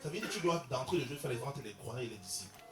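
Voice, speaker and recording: A man preaching a sermon as pastor, calling out to the congregation and rising to loud bursts. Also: mid-range voice, expressive, very fast, far from the mic, music in the background. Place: large church hall, voice from the PA. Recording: roomy echo from afar.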